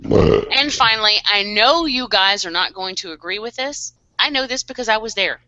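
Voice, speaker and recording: A woman's voice: medium pitch, moderate pace, dull audio, a crowd in the background. A woman co-hosting a live horror podcast, chatting bluntly with a cackling laugh. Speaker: podcast co-host. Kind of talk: casual chat.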